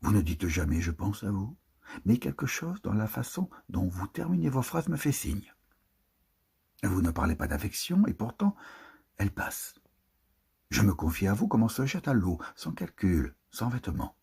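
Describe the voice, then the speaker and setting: A man reads literary prose in a slow, hushed, tender way, now and then sinking into a whisper. His voice sits very low, with a gravelly fry and a breathy, husky grain. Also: very animated. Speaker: reader. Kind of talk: intimate literary reading.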